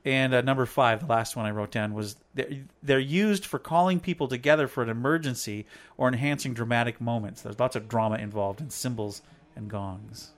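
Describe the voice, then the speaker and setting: Talking with his wife on their faith show, this co-host rambles in a playful way and lists his points one by one like a classroom teacher. His mid-range voice moves a little fast.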